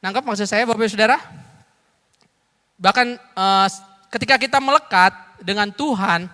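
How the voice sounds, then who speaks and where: A man's voice: sits high, normal speed, sharp tone. A man in his thirties preaching as an evangelist in a church service, chatty and joking, calling out questions to the congregation. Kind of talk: lively interactive sermon. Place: church sanctuary during a service. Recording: live church hall reverb.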